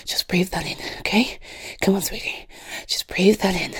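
A woman's voice: fairly even intonation, close to an everyday voice. A woman playing a creepy whispering stalker. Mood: menacing soothing. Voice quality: breathy whisper with creaky low tones. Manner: slow, intimate, crooning. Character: obsessive adult woman stalker, doting and unhinged. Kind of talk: whispered audio roleplay. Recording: roomy echo.

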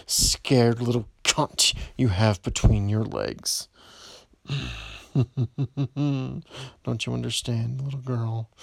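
A gravelly, drawn-out voice of a predatory stalker, performed by a man, lingering on every word. He taunts in a low murmur that keeps sinking into a hushed whisper. The sound is close and completely dry, with no room around it. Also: no echo. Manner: slow, low, taunting delivery with frequent whispers. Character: menacing adult male stalker, predatory and possessive. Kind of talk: audio roleplay voicemail.

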